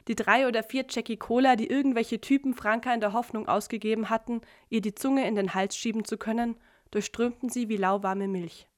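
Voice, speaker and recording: A woman giving a literary reading of prose in a steady, measured way. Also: a little high, no echo, clean studio sound. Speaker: reader.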